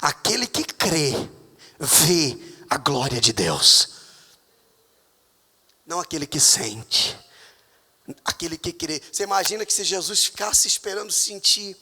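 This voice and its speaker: Male brazilian pastor, emphatic sermon, sharp bright tone, echoing church hall. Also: lively intonation, measured pace, long pauses, slightly rough. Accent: Brazilian Portuguese. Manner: emphatic preaching with sudden loud high outbursts.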